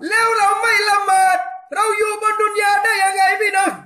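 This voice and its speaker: A man shouts a fervent sermon in a very high, bright, forceful voice. He calls out to the crowd as brothers and sisters through a loudspeaker, and the sound rings around an echoey room. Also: little pitch movement, a little fast. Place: hall on a small island.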